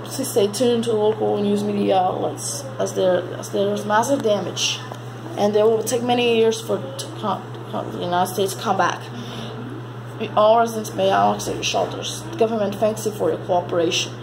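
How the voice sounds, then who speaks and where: In a noisy amateur home recording, a woman with a medium-pitched voice plays an amateur announcer reading a mock emergency broadcast. She halts and repeats words as she stumbles through the script.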